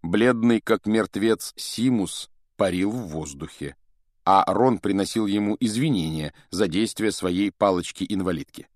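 A man reading a children's fantasy story aloud in an animated, expressive way and voicing each of its characters. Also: lowish voice, a little slow, no room sound, studio quality. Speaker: audiobook narrator.

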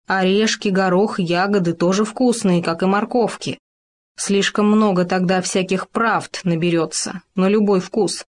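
A woman's voice: medium pitch, fairly even intonation, a little slow, natural voice. A woman voicing a stubborn male hamster who muses in a thoughtful, self-important way. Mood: musing.

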